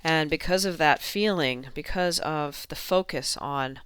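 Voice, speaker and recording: A tarot reader giving a monthly reading to viewers, gentle and reassuring, with frequent ums and you-knows. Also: medium pitch, unhurried, clear, resonant tone, dry recording.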